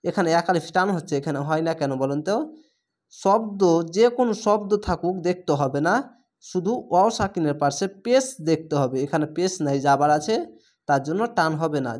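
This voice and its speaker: A male reading teacher goes through a lesson one syllable at a time, stretching out each vowel and splitting every word into parts. He patiently repeats his instructions in a plain, unhurried teaching voice that sits on the high side and sounds a little mellow.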